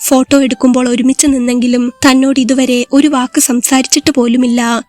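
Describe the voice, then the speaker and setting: A woman reading a scripted story aloud in a steady, even manner. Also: sits high, a little fast, no room sound.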